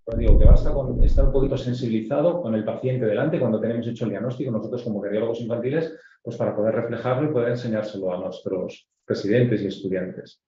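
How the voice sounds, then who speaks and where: A man's voice: medium pitch, fast, noisy background. A man from Spain with a Castilian accent, a pediatric cardiologist giving a medical lecture to residents, explaining step by step with frequent filler words. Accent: Spanish from Spain. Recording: dull, echoey lecture audio.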